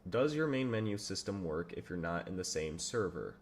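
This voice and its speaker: A young game developer chats casually on a live stream as he works, his low voice very animated at a normal pace. He rambles through viewer questions with self-amused asides and mentions that he has a loud voice.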